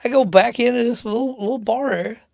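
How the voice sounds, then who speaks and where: Gravelly-voiced man telling a story. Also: extremely high pitch, quick pace, no room sound, clean studio sound. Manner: animated, acts out the people in his stories. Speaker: interview guest telling war-era travel stories. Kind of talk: casual storytelling.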